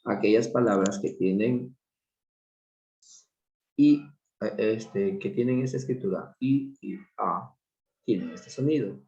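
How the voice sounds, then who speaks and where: A man teaching an online English class, explaining slowly and patiently with repeated examples. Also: lowish voice, mellow, reverberant, lo-fi sound. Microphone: video call.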